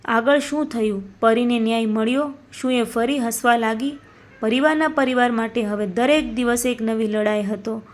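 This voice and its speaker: Woman reading a sad moral story, kinda high voice, slow and solemn. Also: steady tone. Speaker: narrator. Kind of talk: scripted narration of a moral story.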